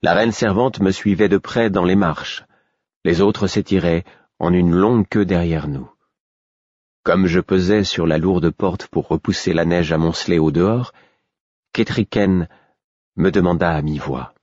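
A male audiobook narrator with a very low, husky voice, reading first-person literary prose in a measured, even way. The recording is close, dry, and somewhat dull. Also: dry recording.

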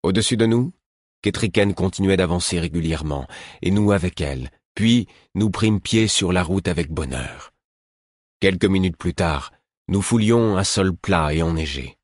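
Male audiobook narrator, steady and measured; low, husky, dry close sound. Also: no echo. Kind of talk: scripted narration.

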